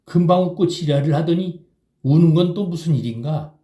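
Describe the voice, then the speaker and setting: A man's voice: fairly high pitch, moderate pace, dark tone, reverberant, pitched above the performer's own voice, close to an everyday voice. A man voicing a sober, wary middle-aged drinking companion who pleads and scolds in an audiobook reading. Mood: incredulous. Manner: pleading, reproachful.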